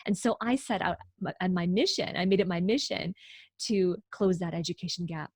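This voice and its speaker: A woman's voice: on the low side, brisk, husky, no echo. Woman from hong kong on a video call, upbeat, dry sound. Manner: upbeat, laughs often, rephrases. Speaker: guest.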